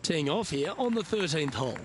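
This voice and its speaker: A man giving golf play-by-play commentary in short, measured, approving calls. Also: a little high, lively intonation. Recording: outdoor crowd and ambience noise behind.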